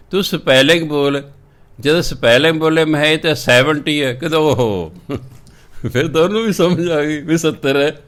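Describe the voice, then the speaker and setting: A man giving a religious scripture exposition, telling anecdotes and slowing down to chant verses before explaining them word by word. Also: mid-range voice, a bit bright. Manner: tells anecdotes with acted quotes. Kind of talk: religious discourse, katha.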